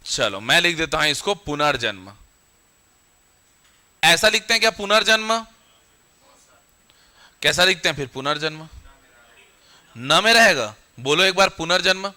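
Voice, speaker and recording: A young adult man leads a grammar lesson in a classroom. His voice sits high and sounds very bright and sharp. He fires questions at the students and answers them himself, and he slows down to dictate rules. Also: expressive. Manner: quizzing students with call-and-response questions. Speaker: teacher.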